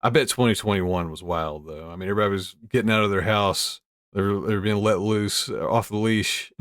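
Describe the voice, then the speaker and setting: A man's voice: on the low side, steady tone, fairly quick, a bit bright, no echo, studio quality. A man hosting casually, reading news aloud with amused commentary. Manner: amused, easily breaks into chuckles. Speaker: host.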